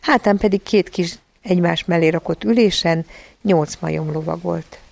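A woman narrating a children's storybook in a calm, even reading voice. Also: fairly low pitch, creaky, dry recording. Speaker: audiobook narrator.

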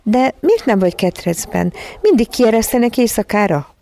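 A woman's voice: a little high, very animated, vocal fry, dark tone, voice pushed up. A woman voicing a curious young boy who keeps asking questions, in a storybook reading. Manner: curious, inquisitive.

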